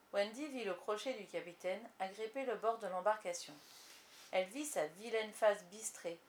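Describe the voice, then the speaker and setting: A woman narrating a storybook in a measured, even reading voice. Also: mid-range voice, a little hiss or hum.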